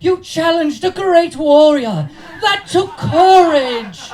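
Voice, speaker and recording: A man playing Helen of Troy as an earnest, melodramatic lover in deliberately bad, stagey amateur acting. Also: extremely high pitch, animated, a little mellow, exaggerated voice. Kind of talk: comic stage scene reading.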